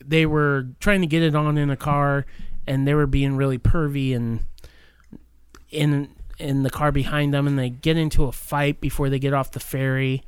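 A man's voice: medium pitch, flat delivery, normal speed, smooth, no room sound. A man casually reviewing a horror film on a podcast, rambling with lots of fillers. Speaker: podcast co-host. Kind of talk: casual movie review chat.

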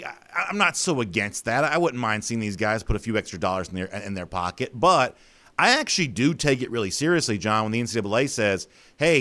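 A man hosting a sports talk program, laying out his opinions in a relaxed, conversational way. His voice sits at an ordinary middle pitch, and he thinks aloud with plenty of "you know" fillers.

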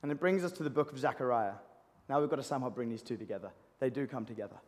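A man preaching a sermon, animated and building to impassioned pleading. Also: mid-range voice, very fast. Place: church hall. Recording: long hall reverb.

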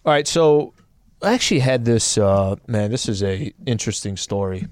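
A man's voice: lowish voice, animated, normal speed, no room sound, studio quality. A man with an American accent, a radio co-host telling stories casually, repeating phrases and throwing out rhetorical questions for emphasis. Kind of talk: casual animated storytelling.

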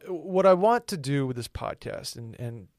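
A man in his twenties co-hosts a casual podcast. He rambles in a relaxed way and often stops to correct himself. His pitch sits in the middle, and the recording is close and dry. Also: normal speed, creaky, no room sound. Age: 20s. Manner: loose, rambling, self-correcting. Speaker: podcast co-host.

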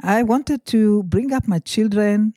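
An older woman with an Israeli accent chats as a guest in a casual interview. Her voice is soft and mellow, and she stops and restarts often as she hunts for the right word. The sound is close and dry, with no room around it. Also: mid-range voice, no echo. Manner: halting, restarts sentences, searches for words. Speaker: guest, mother of a comedian.

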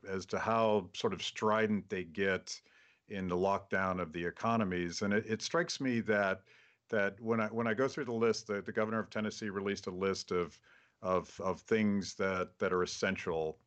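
A man hosts an interview over a video call, his voice sitting a bit low. He speaks haltingly and often restarts his sentences while setting up his questions. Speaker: show host.

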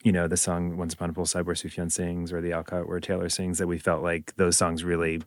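Low, even-toned man explaining casually. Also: brisk, no echo, clean studio sound. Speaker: band member. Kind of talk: casual interview talk.

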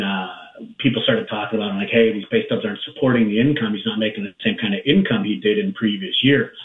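A man on the phone as a radio show guest, telling a story in a halting way with many fillers. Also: lowish voice, echoey room, far from the mic, narrow, tinny audio. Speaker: guest underwriter. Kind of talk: explaining a story to radio hosts.

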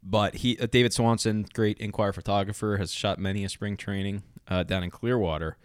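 A man with a Philadelphia accent talks in a loose, rambling way on a podcast, tossing in fillers and jokes. His voice sits fairly low. The recording is close and dry, with no room sound. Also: fairly even intonation, a little fast, clean tone, no echo. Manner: rambling, joking, lots of fillers. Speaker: podcast co-host. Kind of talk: casual chat.

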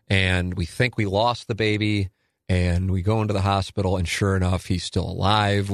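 A man's voice: deep voice, gravelly, no room sound, clean studio sound. A man in his forties hosting a solo listener Q&A, talking in a candid, rambling, self-deprecating way. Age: 40s. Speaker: radio and podcast host.

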